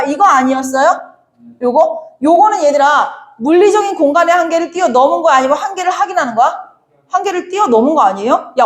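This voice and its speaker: Brief: young woman teacher with a bright, high voice, chatty exam-prep lecture, quizzes students as she goes. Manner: brisk, chatty, asks students rhetorical questions; acts out quoted lines in playful voices. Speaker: Korean literature teacher. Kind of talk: exam problem walkthrough lecture.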